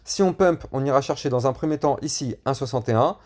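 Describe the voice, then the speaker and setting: A man's voice: mid-range voice, brisk, a little mellow. A man casually talking through crypto price charts and plugging his channel, with many fillers and bits of slang. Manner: chatty, with frequent fillers and slang. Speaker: crypto YouTuber. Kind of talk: chart analysis and channel promotion.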